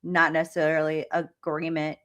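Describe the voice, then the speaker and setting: A woman's voice: low-pitched, monotone, moderate pace, a bit bright. A woman co-hosting a casual chat, giving frank, opinionated commentary with fillers. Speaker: co-host.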